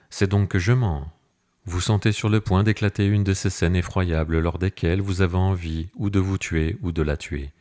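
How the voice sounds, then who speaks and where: A man narrating a classic novel aloud in measured, grave first-person reading. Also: deep voice, darkish tone. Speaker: audiobook narrator. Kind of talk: scripted literary narration.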